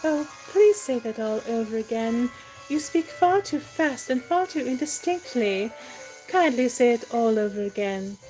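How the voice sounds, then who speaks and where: Woman playing a prim, high-voiced whimsical young lady. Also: animated, a little slow, darkish tone, faint music behind, rough recording. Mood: demanding. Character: self-assured, whimsical young lady, primly romantic. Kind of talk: dramatic reading of a comic stage play.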